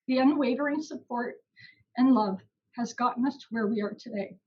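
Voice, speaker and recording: A woman's voice: on the high side, moderate pace, husky, highs cut off. A young woman giving an emotional, heartfelt valedictory speech at an online graduation ceremony.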